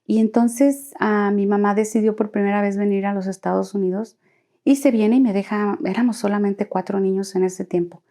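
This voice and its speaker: A woman's voice: medium pitch, fairly even intonation, moderate pace, dark tone. A woman recounting her life story as an interview guest, earnestly acting out quoted dialogue.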